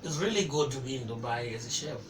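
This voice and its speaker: A man from Zimbabwe, a chef, speaking in a relaxed, chatty way in a casual interview. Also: mid-range voice, fast talker. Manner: relaxed, chatty, addresses host as bro. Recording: echoey, distant, noisy.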